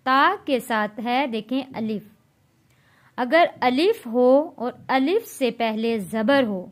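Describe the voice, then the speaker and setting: A woman with a high voice teaches Quran reading in a patient recitation lesson. She spells out each letter and its vowel mark, then draws the syllables out slowly so a learner can repeat them. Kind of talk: slow step-by-step recitation lesson.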